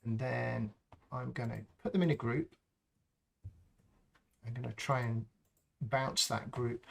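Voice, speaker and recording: A man hosting a live stream, calmly talking through a sound-design process step by step and thinking aloud as he works. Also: mid-range voice, vocal fry. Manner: slow, thinking aloud as he works, with frequent ums. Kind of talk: unscripted tutorial walkthrough.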